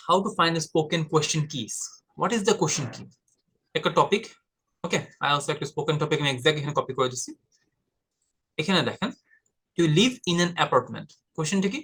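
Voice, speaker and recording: A man's voice: fairly high pitch, fairly bright tone, slightly rough. A man from Bangladesh teaching an exam-prep lesson in a direct, informal way, addressing the viewer as brother. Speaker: IELTS tutor. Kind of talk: casual explanatory lesson.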